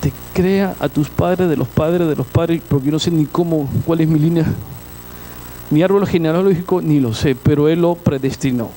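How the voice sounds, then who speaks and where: A pastor giving a sermon, swinging between loud calls and hushed asides as he asks the congregation questions. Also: on the high side, normal speed, slight background noise, rough recording.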